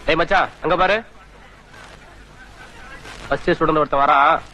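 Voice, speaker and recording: A teasing young male college senior with a high, bright voice. He ribs a newcomer in a pally tone. The faint hiss in the film sound stays under his lines. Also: steady tone, normal speed, rough recording. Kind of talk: 1990s film comedy dialogue.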